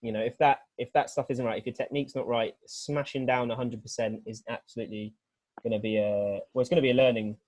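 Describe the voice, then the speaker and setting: A British weightlifting coach talking through training ideas on a group video call, earnest and rambling, with many restarts. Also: male voice, mid-range voice, fairly even intonation, quick pace, darkish tone. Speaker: weightlifting coach, guest speaker.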